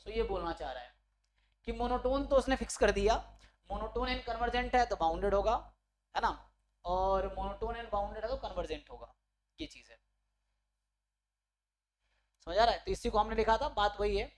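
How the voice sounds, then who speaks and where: A high-pitched male statistics teacher leads an online exam-prep lecture, walking students through each step and often checking they follow with tag questions. When he reads a formal definition, he slows to a careful, word-by-word pace.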